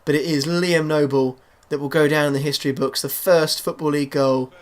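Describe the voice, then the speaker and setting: A man commentating over his own football video game, calm and low between plays and bursting into loud excitement at goals. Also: brisk. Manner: excitable, shouts goals then drops to a low murmur. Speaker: gaming YouTuber.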